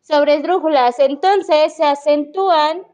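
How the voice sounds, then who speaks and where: A high-pitched, slightly mellow woman talks at an unhurried pace. As a teacher with a Mexican Spanish accent in an online class, she explains patiently and checks her students' understanding over a video call.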